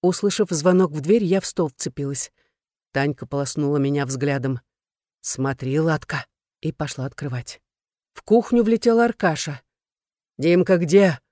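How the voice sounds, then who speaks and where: Woman narrator, dramatic first-person story, emotional reading, mellow dark tone, dry close sound. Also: low-pitched, animated, normal speed, dry recording.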